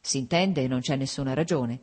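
A tense young nobleman from a storybook reading, pleading yet cold and guarded, read by a woman in her own low, husky voice. There is little change from the narrator's natural sound. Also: normal speed, a little mellow. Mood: strained.

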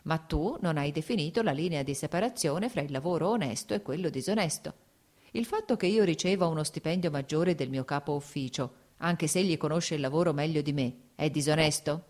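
A woman voicing an easygoing, worldly male nobleman who speaks calmly and teases in an audiobook reading. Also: low-pitched, a little fast. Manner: calm, teasing.

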